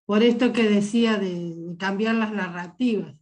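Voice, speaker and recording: An older woman with a bad cold offers an informal, hesitant comment as a webinar participant, thinking aloud on a video call from a room at home. Her voice is mid-range and darkish, at a normal pace.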